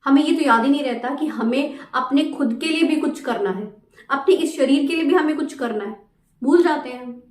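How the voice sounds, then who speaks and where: A woman's voice: high voice, moderate pace, roomy sound, recorded from a distance, slight background noise. A woman giving a motivational talk who keeps asking the listeners questions. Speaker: motivational speaker.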